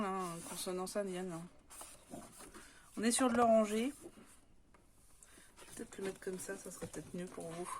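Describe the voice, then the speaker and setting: A woman's voice: lowish voice, background noise. A woman from France chatting casually as she shows off craft papers, with many hesitant fillers. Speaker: scrapbooking vlogger.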